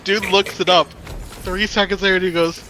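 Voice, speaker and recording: Young male gamer host, higher bright voice, animated swearing storyteller on a mic. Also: moderate pace, a little hiss or hum. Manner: animated, profane, laughing storyteller. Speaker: let's play host. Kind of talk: casual storytelling while gaming.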